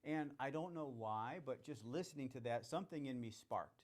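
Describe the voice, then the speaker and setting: A man's voice: medium pitch, normal speed. An enthusiastic man hosts a charity celebration, welcoming viewers in a conversational way. He builds his faith talk on repeated phrases and keeps an easy, mid-range voice.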